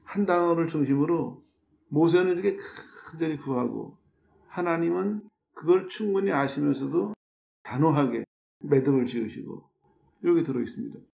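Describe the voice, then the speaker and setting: A man's voice: on the high side, creaky, slight background noise. A male pastor preaching a sermon, explaining scripture verse by verse and acting out the quoted words of God and Moses. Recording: tinny phone-like sound.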